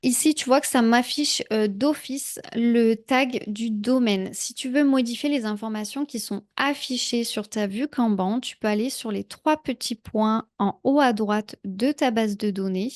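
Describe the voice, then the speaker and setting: A woman talking a viewer through a software tutorial in a casual, chatty way, with frequent fillers. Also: a little high, unhurried, hardly any pauses. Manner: chatty, many "heu" fillers, speaks directly to viewer. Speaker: productivity tutorial creator. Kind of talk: casual screen-share tutorial.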